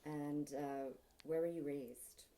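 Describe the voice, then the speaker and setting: A woman's voice: sits low, steady tone, slow, mellow, poor audio. A woman interviewer asking questions in an informal interview.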